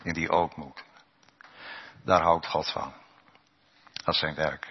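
A man preaching a sermon to his congregation, swinging between loud raised passages and low hushed ones. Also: steady tone, slow, slightly rough. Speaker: pastor. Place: church. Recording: dull lo-fi church recording with long reverb.

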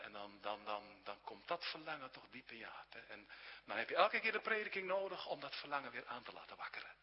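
A man preaching a sermon earnestly, shifting between hushed whispers and raised, exclaiming passages. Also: fairly high pitch. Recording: dull sound with long hall reverb.

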